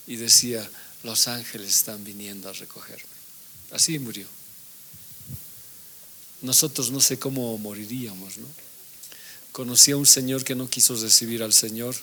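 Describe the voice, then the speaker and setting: A man's voice: mid-range voice, gravelly. A man teaching a Bible class as a pastor, reading scripture aloud and putting questions to his listeners that he then answers himself. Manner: animated preaching, reads scripture aloud, asks the congregation questions. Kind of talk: sermon.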